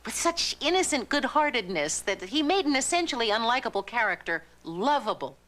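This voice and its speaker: Woman interviewee for a retrospective, reflective commentary in a raised, animated voice. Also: a little high, fairly quick.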